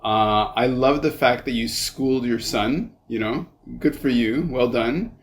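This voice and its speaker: A man's voice: medium pitch, a little slow, a little hiss or hum. A man in his fifties from Canada, hosting a casual interview in an effusive, interjecting way. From Montreal, Canada. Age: 50s. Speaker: podcast host.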